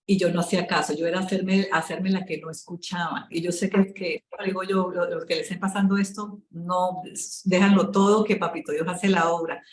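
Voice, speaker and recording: A Colombian woman, a spiritual coach, telling her story in an interview in an emotional, halting way, with many fillers and restarts. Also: on the low side, steady tone, roomy sound, low-quality recording.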